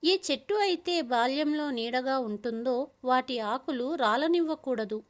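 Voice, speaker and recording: A woman's voice: high-pitched, expressive, a little slow. A woman voicing a lonely man who earnestly advises his office friend.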